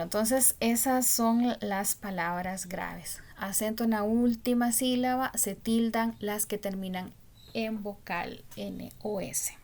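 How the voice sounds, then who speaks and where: A woman gives a spelling lesson at an unhurried pace. She pauses often, fills the gaps with soft fillers and keeps checking that her listeners follow. Her pitch sits in an ordinary middle range. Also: gravelly. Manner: slow, patient, many pauses and fillers; asks "¿verdad?" to check understanding. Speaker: teacher.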